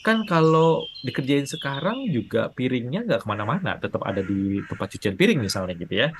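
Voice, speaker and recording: Speaking fairly quickly at medium pitch, this man is a parenting coach chatting casually to camera. He animatedly imitates quoted spouses, especially wives, by raising his voice, and the recording is very noisy.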